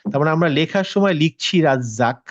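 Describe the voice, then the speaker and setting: A male tajweed teacher patiently explains to a class, checking in with students through questions and mixing in English words. His voice is on the high side, expressive and fast, in dry, slightly dull lo-fi audio.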